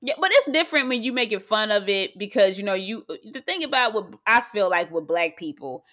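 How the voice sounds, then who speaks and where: A woman co-hosting a casual chat podcast, ranting in an animated way and repeating her phrases. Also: mid-range voice, a little fast. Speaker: podcast co-host.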